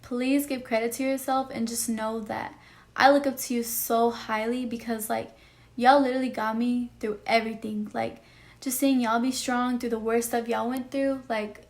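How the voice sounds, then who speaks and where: A nineteen-year-old woman talks straight to the camera, pouring out a painful personal story in a rambling, emotional way. Her voice sits fairly high yet stays flat and level, and she leans on "like" and "you know" between thoughts. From Texas. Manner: emotional, rambling, heavy use of "like". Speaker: vlogger.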